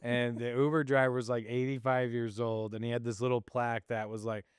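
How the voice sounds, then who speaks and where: A middle-aged man hosting a podcast, telling a personal story in a casual, animated way and laughing often. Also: mid-range voice, fairly quick, clean tone, no echo, clean studio sound. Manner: animated, laughs often, acts out quoted voices. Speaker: podcast host.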